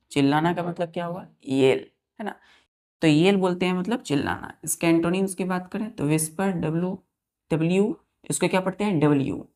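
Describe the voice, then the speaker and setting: A woman teaching a vocabulary lesson, slowly spelling words out letter by letter and often asking her students whether it is clear. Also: fairly low pitch, a little mellow. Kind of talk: classroom lesson.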